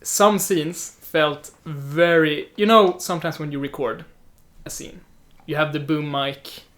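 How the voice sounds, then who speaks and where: Young man, somewhat high voice, animated, chatty, casual film talk, mimics others. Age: young adult. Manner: chatty, animated, quick to imitate others' speech. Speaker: podcast co-host, film student.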